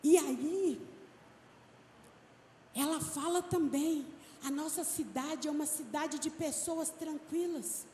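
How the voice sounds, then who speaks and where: A woman pastor giving an emphatic sermon, stretching out key words slowly. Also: high voice, dark tone, slight background noise. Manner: emphatic preaching, slow and drawn-out stresses. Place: church. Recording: echoey hall with long reverb, faint ambience.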